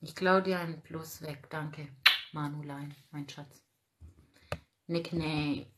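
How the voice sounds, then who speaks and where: A woman's voice: deep voice, steady tone, slow pace, very noisy. A woman in her forties hosting a casual livestream, outspoken and ranting while reading out viewer comments. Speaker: livestream host.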